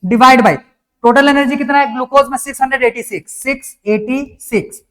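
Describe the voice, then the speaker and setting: A man's voice: extremely high pitch, fairly even intonation, moderate pace, fairly bright tone. A man teaching a lecture step by step, often checking that students follow. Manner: explains step by step, keeps asking if it is clear. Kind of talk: classroom lecture.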